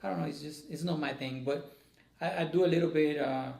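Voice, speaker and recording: A man hosting a casual interview, upbeat in his intro and halting when asking questions. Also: a little high, gravelly, a little mellow. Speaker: podcast host. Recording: echoey room.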